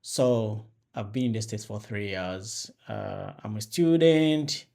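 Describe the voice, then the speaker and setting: A young Ugandan vlogger hosts his own channel, chatting casually to camera in a Ugandan accent and rambling with fillers and restarts, recorded on an external mic into a phone. His voice is on the low side, creaky and darkish, and his pace is slow.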